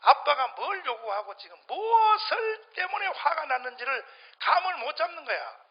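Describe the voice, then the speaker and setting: A middle-aged man preaches to a church congregation in a strikingly high voice. He swings from shouted outbursts to low, muttered asides. The dull, lo-fi sermon recording sounds muffled. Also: very animated, normal speed. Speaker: pastor.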